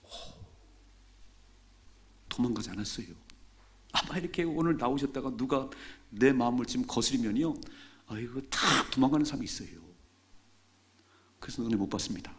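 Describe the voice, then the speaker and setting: A man's voice: mid-range voice, moderate pace, long pauses. A male pastor preaching a revival sermon, urging the congregation on and acting out the voices of people in the story. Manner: exhorting the congregation, calls for amens.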